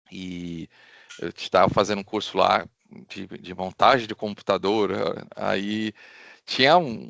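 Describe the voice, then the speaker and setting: A man with a Brazilian Portuguese accent hosts a casual podcast interview. He talks in an animated, rambling way with plenty of fillers. His voice is dry and close, with no room sound. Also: lowish voice, vocal fry, no echo. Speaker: podcast host.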